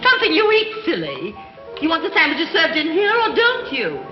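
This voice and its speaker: Casting: flighty, bossy matron, screwball comedy banter, shrill-high, wildly animated, vintage film sound. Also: female voice, moderate pace, lo-fi sound, heavily acted. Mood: flighty chiding. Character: scatterbrained, fluttery society matron, chattering and bossy. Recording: band-limited 1930s film soundtrack, music, party chatter.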